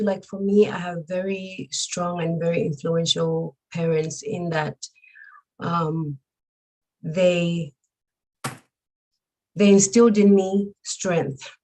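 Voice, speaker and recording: A woman in her forties, originally from Zambia, telling her life story as an interview guest. Her voice sits a little low, and she speaks earnestly and reflectively, pausing often and reaching for words. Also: darkish tone, low-quality recording. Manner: earnest, reflective, with frequent pauses and fillers. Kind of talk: personal testimony interview.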